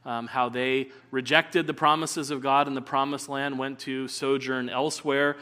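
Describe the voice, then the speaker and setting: Pastor preaching at a pulpit microphone. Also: male voice, medium pitch, little pitch movement, bright, forceful tone, clear, resonant tone. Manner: earnest, measured delivery with frequent "uh" fillers. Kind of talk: sermon with opening prayer and scripture reading. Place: church sanctuary.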